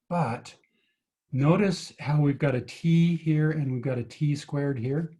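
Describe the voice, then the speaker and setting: A man's voice: mid-range voice, warm tone. A man tutoring physics over a video call, patiently explaining each step and asking his students questions. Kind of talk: online tutoring lesson.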